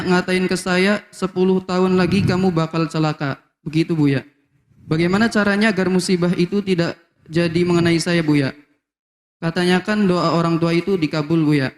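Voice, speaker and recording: A man reading a viewer's question aloud to a preacher at a measured pace. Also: sits high. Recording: echoey hall.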